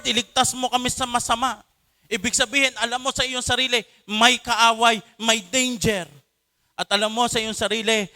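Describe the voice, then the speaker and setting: Man, pastor, church sermon, high voice, bright tone, impassioned, Tagalog-English mix. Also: clear, resonant tone. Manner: impassioned, mixing Tagalog and English, with emphatic swells. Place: church worship service.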